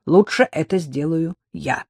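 A reader voicing a calm, unflappable man who speaks about violence in a deadpan, matter-of-fact way. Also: a little high, unhurried, creaky, slightly rough, no echo, clean studio sound, exaggerated voice. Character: calm, unflappable long-haired male enforcer.

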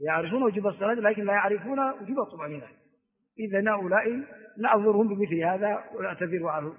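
A man, a sheikh giving a classroom lecture on hadith, explaining slowly and repeating words for stress. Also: high voice. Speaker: sheikh teaching hadith commentary. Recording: phone-like audio with long hall reverb.

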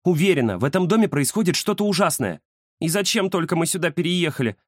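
A man's voice: on the high side, expressive, fast talker, dry recording, studio quality, voice pushed up. A man voicing a frightened ten-year-old girl who speaks in breathless, pleading bursts in an audiobook. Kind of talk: audiobook character voice.

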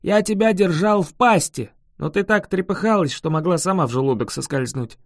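A reader voicing a chatty, boastful male dragon who huffs and protests loudly in an audiobook. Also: mid-range voice, fairly quick, no room sound, studio quality, natural voice. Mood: indignant. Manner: indignant, emphatic, loud. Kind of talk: audiobook character voice.

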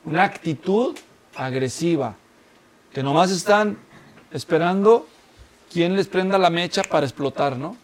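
A man preaching a sermon, animated and often checking in with the congregation with quick rhetorical questions. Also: sits high. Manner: animated, keeps asking the congregation "right?".

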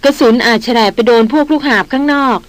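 A woman reading a calm veteran hunter. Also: mid-range voice, brisk, lightly acted. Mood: urgent. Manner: calm, reassuring. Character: calm, steady veteran male jungle hunter.

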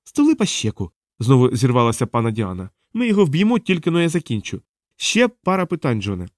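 A man's voice: medium pitch, big pitch swings, fast, no room sound, studio quality, close to an everyday voice. A man voicing a cold, harsh woman interrogating a prisoner in an audiobook, snapping out commands. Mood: sharp, impatient. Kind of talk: audiobook character voice.

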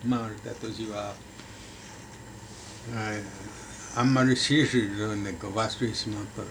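A man's voice: lowish voice, steady tone, a little slow. Elderly Okayama man, noisy recording. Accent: Okayama Japanese. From Okayama, Japan. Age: elderly, 80s or older. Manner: plain, folksy rural old-man talk. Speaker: interviewee, oral history narrator. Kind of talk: reminiscing in casual conversation. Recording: clearly noisy amateur interview recording.

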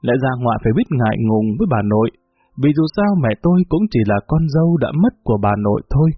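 A man narrating a family story in a steady, expressive reading. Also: mid-range voice, fast talker. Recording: tinny phone-like, faint music.

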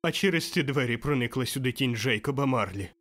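A man's voice: medium pitch, lively intonation, a little fast, a bit bright. Man playing an overjoyed old Scrooge. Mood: giddy, exultant. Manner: exclaiming, breathless, laughing. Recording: faint music behind.

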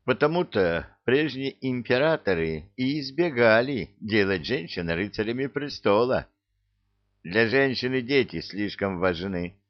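A man's voice: mid-range voice, lively intonation, unhurried, lo-fi sound, lightly acted. A man voicing a grumpy, sarcastic male cook who talks bluntly and scolds. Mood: grumbling. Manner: grumbling, blunt.

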